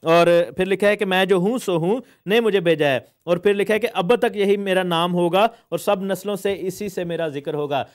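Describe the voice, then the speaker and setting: A man's voice: sits high, moderate pace, few pauses. A man, a pastor teaching a sermon, explaining word meanings with frequent hesitations and English phrases mixed in.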